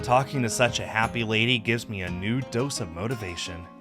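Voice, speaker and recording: A male game streamer in his thirties narrates a visual novel aloud with dramatic flair, with game music and guitar in the background. His voice is on the low side, and he speaks a little fast.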